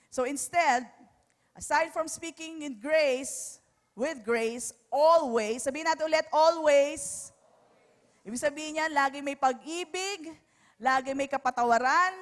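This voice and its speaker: A woman preaching a sermon to parents, switching between English and Tagalog and checking in with "Alright?" after each point. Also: high-pitched. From Philippines. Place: church hall. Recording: long reverb of a church hall.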